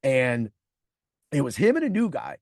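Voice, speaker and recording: A man's voice: mid-range voice, huge pitch swings, moderate pace, no echo, clean studio sound. A man in his forties, a podcast host, telling a profane personal story and acting out the people in it. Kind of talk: storytelling monologue.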